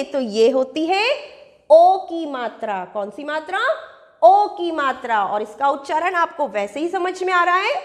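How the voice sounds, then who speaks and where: A woman's voice: high voice, fairly bright tone. A young woman teacher leading a children's lesson with sing-song rhymes and call-and-response questions in her phrases. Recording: echoey room with long reverb.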